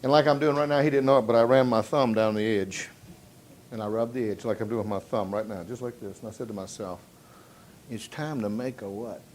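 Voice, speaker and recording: A man giving a motivational sales seminar to a live audience, telling stories and asking rhetorical questions, swinging from hushed tones to loud emphasis. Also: lowish voice, steady tone, brisk, a little hiss or hum. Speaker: sales trainer.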